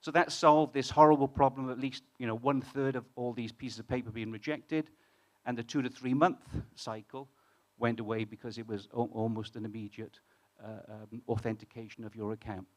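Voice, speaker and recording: Speaking briskly with fairly even intonation, a mid-pitched British man presents his fintech company at a conference. In a hall full of listeners he keeps it conversational, restarting phrases often and asking the audience questions.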